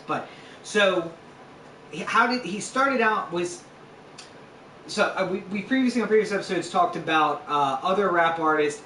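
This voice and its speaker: A talkative man hosts a casual home podcast, his fairly high voice sounding roomy and a little distant. There is a faint hiss behind him. He teases and argues his points playfully. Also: pushed and bright. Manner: chatty, playfully argumentative. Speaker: podcast host. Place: home room.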